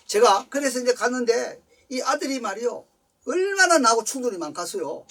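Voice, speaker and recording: An older man gives a church lecture, his high and somewhat husky voice swinging widely in pitch as he tells stories. The mic sits some way from him, so he sounds a little distant. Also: a little fast. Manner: animated storyteller, mixes English phrases, acts out voices. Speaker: seminary professor lecturing.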